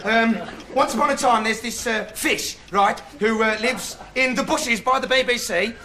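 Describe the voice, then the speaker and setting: A bumbling would-be TV reporter. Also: male voice, very high voice, moderate pace, crowd noise. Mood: rambling. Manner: meandering, hesitant, full of ums and rights. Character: dim, rambling young male self-styled investigative reporter. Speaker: comic TV character monologue. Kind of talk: deadpan rambling comic monologue. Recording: loud studio audience laughter, noisy old TV tape. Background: audience laughing.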